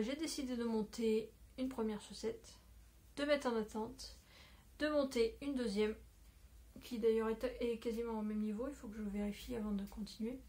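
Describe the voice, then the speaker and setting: A woman talking casually to her phone camera at home as a knitting podcaster, rambling with many fillers and self-corrections. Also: fairly high pitch. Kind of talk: casual video chat. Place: at home, indoors.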